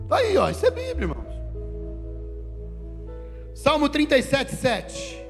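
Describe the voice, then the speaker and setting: A male pastor from Brazil preaching a sermon, animated, moving between loud calls to the congregation and quiet asides. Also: very high-pitched, unhurried, gravelly. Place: church sanctuary. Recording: reverberant church hall with faint music.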